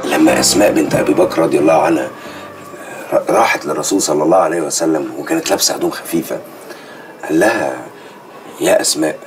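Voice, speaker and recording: A man's voice: very deep voice, a little hiss or hum. An actor with an Egyptian accent playing a pious man who lectures his sister on religious rules. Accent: Egyptian Arabic. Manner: preachy, lecturing. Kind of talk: Egyptian TV drama acting.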